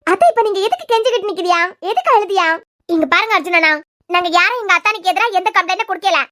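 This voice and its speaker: A woman with a Kanyakumari Tamil accent voicing a loud, defiant young woman in a cartoon. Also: extremely high pitch, quick pace. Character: shrill defiant young woman, loyal sister-in-law.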